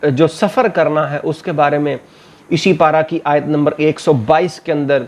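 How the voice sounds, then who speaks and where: A man gives a religious lecture in a slightly high voice. He chants scriptural verses slowly and with care, then switches to plain, steady explanation. His delivery is measured and instructive. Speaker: Islamic scholar.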